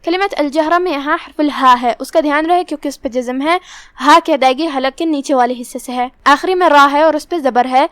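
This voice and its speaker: A woman teaching Quran recitation rules, explaining each point step by step in a steady teaching manner. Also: sits high, dry recording, studio quality. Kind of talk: tajweed lesson.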